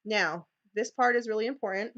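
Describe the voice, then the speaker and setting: A teacher with a New York accent runs a live screen-share training for other teachers, talking chattily with lots of "okay"s and restarts. Her mid-range voice is brisk and fairly bright, though the highs are cut off.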